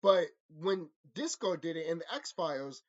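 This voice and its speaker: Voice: mid-range voice, very animated, unhurried. A person delivering a vehement, profanity-laden opinion rant about cartoons, repeating phrases for mocking emphasis. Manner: ranting, vehement, heavy swearing. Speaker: commentator. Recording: dull lo-fi microphone.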